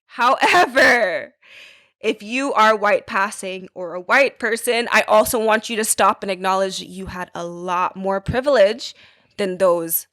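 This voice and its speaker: A woman's voice: medium pitch, a little slow, bright, forceful tone. A woman from Antigua, co-hosting a podcast, making her point in an emphatic way and repeating phrases for stress. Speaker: podcast co-host. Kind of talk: earnest discussion.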